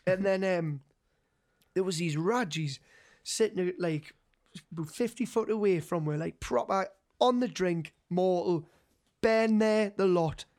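A man's voice: high voice, a little slow, darkish tone. A young man from North East England talks in a broad Geordie accent. He tells his story casually among friends, with plenty of slang and swearing, and slips into quoted dialogue as he goes.

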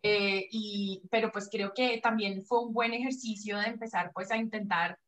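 A Colombian pelvic floor physiotherapist, a native Spanish speaker, appears as a guest in an online video-call interview. She explains things hesitantly, with many fillers and restarts, in a mid-range, steady voice that's a bit bright and moves at a moderate pace.

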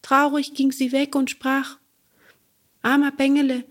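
A woman voicing a small, wise cricket in a storybook reading, with a thin, whispery high voice. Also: level tone, unhurried, a little mellow, breathy edge. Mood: gentle. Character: small wise cricket, stern but kind.

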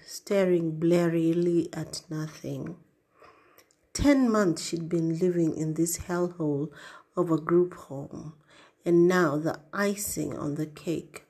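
A woman narrating an audiobook in a measured way, sometimes dropping to a breathy hush. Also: lowish voice. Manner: measured, with breathy hushed passages. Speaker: audiobook reader.

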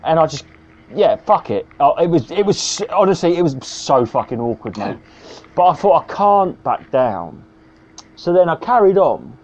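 A man's voice: a little high, animated, normal speed, darkish tone. A man, a stand-up comedian telling a sweary, rambling anecdote on a podcast. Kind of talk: casual storytelling. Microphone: video call. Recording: dull lo-fi video call audio.

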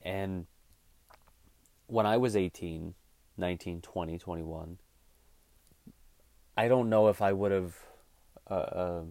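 On his own show, a man in his thirties launches into a casual, blunt monologue full of swearing. He speaks in a low, darkish voice, and the recording is dry.

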